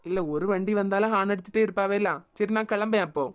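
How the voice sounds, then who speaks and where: A man's voice: high voice, fairly even intonation, racing, clear, resonant tone, lightly acted. A man voicing a playful, teasing husband in a cartoon web series.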